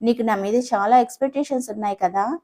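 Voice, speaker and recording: A woman's voice: a little high, fast talker, warm tone, lightly acted. A woman voicing a playful, teasing young husband in a romantic audio story, speaking affectionately.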